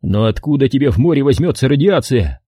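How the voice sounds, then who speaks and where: A man's voice: mid-range voice, big pitch swings, fairly quick, warm tone, slightly rough, no room sound, studio quality, voice pushed up. A man doing a grumbling army corporal. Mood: grumpy. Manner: grumbling, sarcastic. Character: grumpy irritable male army corporal.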